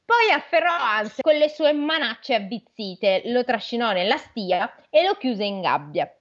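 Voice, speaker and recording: A woman reads a fairy tale aloud for a podcast, stopping now and then for playful asides and questions to her co-host. Her voice sits a bit high, and the recording sounds dull and lo-fi. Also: very animated, measured pace.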